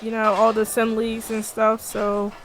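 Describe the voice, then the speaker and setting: A woman's voice: on the high side, completely flat delivery, moderate pace, a little hiss or hum. A woman doing casual color commentary, chatty and giggly, with many fillers and hesitations.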